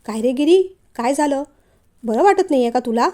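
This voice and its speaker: A woman voicing an anxious, soft-hearted middle-aged mother who fusses over her sons in a storybook reading. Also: sits high, animated, fairly quick. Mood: worried. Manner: anxious, fussing.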